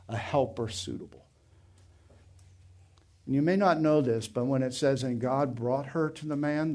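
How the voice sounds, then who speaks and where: A man's voice: fairly high pitch, darkish tone. A middle-aged man preaching a sermon as pastor, with an emphatic, varied delivery.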